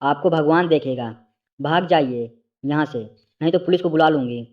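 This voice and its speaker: A man voicing a frightened young woman who pleads and shouts for help, in a storybook reading. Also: on the high side, moderate pace, dull audio, close to an everyday voice. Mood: crying for help.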